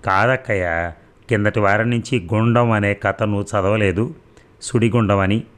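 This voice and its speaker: A pert, self-assured young woman student who talks in a sulky, cocky way, as a male reader gives her lines. The voice sits fairly low, and it is plainly a storybook reading. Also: fairly even intonation, normal speed, natural voice.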